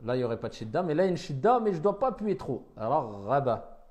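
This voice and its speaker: A man's voice: mid-range voice, very animated, fast talker, a little mellow. A man teaching a reading class, patiently repeating words and correcting his pupils.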